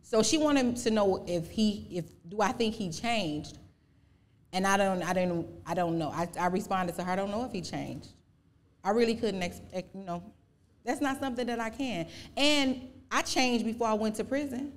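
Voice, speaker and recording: A woman in her forties answering audience questions as a podcast guest, speaking earnestly with halting restarts. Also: mid-range voice. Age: 40s. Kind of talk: live podcast Q&A, personal testimony.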